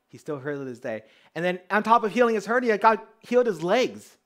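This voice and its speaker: A man preaching a sermon, telling testimony stories in a lively, conversational way and speaking straight to the congregation. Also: high-pitched. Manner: lively storyteller, acting out dialogue; conversational, addresses the congregation directly.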